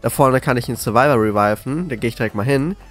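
A man commentating live on a horror game as a scared, jittery streamer, excitable and often repeating words. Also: mid-range voice, fast talker, faint music behind. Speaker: gaming video creator.

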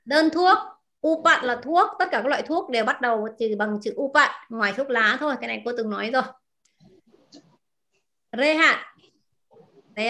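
Woman language teacher, crisp bright tone, patient drills and questions. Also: high voice. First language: Vietnamese. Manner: repeats words slowly, asks the class questions. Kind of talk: explaining vocabulary to a class.

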